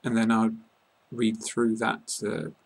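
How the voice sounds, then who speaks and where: A man with a British English accent giving a slow, careful pronunciation lesson, saying each word deliberately. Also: lowish voice, slightly rough, low-quality recording. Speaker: English teacher.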